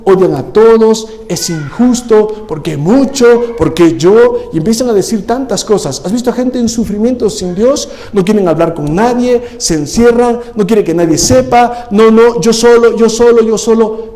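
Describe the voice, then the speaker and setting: High-voiced preacher in a reverberant church. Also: male voice. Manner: animated preaching, rhetorical questions to the congregation. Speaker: pastor. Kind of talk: sermon. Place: church service.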